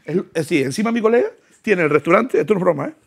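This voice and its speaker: A man's voice: sits high, racing, gravelly, slight background noise. A young man tells a comic story, acting out voices and laughing as he goes. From Canary Islands. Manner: animated, acts out voices, laughs through lines. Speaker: comedian.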